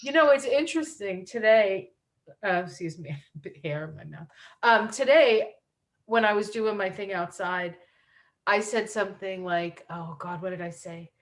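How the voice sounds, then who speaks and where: A woman's voice: mid-range voice, lively intonation. Chatty, teasing woman co-host. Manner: chatty, teasing, quick to laugh. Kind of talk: casual chat.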